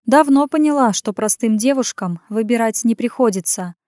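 Here a woman reads out the lines of a bashful yet prickly young woman in an audiobook. Her voice sits a little higher and louder than the plain narration and keeps a teasing, sulky edge. The recording is dry and close. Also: expressive, normal speed, no echo, close to an everyday voice. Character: young woman, shy but proud and sharp-tongued.

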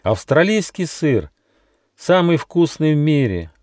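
A man's voice: on the high side, animated, moderate pace, a little mellow, dry recording, studio quality, pitched above the performer's own voice, lightly acted. A man voicing a greedy, sheepishly fibbing little mouse in a storybook. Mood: overjoyed. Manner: mumbling, fibbing. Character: greedy little male mouse, sly and shy.

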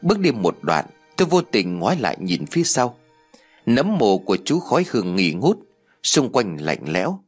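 A man narrating a ghost story in a dramatic, expressive way. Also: fairly low pitch, moderate pace, breathy edge. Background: faint music.

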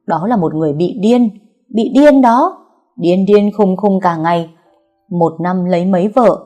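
Casting: a woman playing a desperate, remorseful old father in a storybook reading, low warm voice. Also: close to an everyday voice. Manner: frantic shouting, then broken self-reproach.

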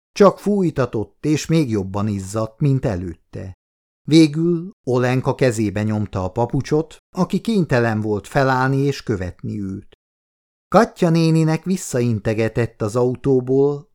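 A man reading a novel aloud as an audiobook narrator, steady and measured. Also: mid-range voice. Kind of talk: scripted narration.

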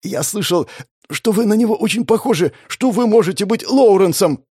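A man's voice: on the high side, big pitch swings, moderate pace, husky, no room sound, clean studio sound, pitched above the performer's own voice, heavily acted. A man reading an audiobook, voicing a terrified beaten male thug who stammers and pleads in a panic. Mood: panicked pleading. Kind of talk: audiobook character voice.

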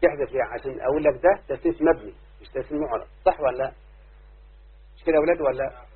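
A man with an Egyptian accent teaching an Arabic grammar lesson, often checking whether his students have understood and slowly chanting verses. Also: medium pitch, husky. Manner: keeps asking students if they understood. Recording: muffled lo-fi phone-like lesson recording.

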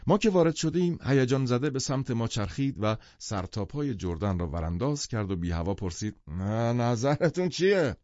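A man reading a novel aloud as an audiobook narrator, in a lively, expressive scripted narration. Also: medium pitch, few pauses, no echo. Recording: dull lo-fi dry recording.

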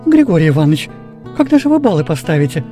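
A woman reading aloud voices a strict, dry class mistress who talks in a brisk, fussy way. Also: on the low side, big pitch swings, warm tone, faint music behind.

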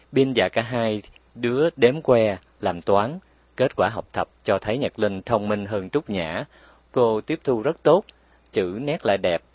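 A man narrating a children's story calmly, as an audiobook reader. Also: on the low side, no room sound.

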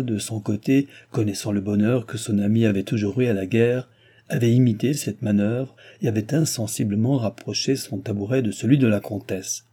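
Dark husky male audiobook narrator. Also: lowish voice. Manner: measured, even reading.

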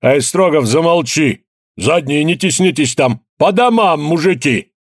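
A man's voice: a little high, expressive, unhurried, no echo, clean studio sound, pitched above the performer's own voice. A man voicing a fussy male village elder ordering a crowd, in an audiobook. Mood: bossy.

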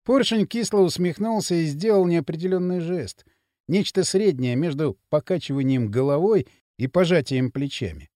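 A man narrating an audiobook in an expressive, dramatic reading. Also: a little high, moderate pace, dry recording, clean studio sound. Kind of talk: scripted narration.

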